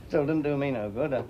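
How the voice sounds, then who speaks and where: A man's voice: mid-range voice, highs cut off, a little hiss or hum, lightly acted. An actor playing a blunt, scornful middle-aged miner father. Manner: blunt, scornful, grumbling with dry laughs.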